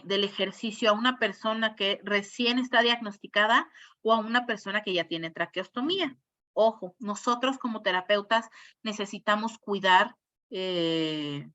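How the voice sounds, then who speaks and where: A woman's voice: mid-range voice, pushed and bright. A woman, a speech therapist giving an informal talk, explaining step by step and checking in with her listeners. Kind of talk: informal online lecture. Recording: muffled lo-fi audio.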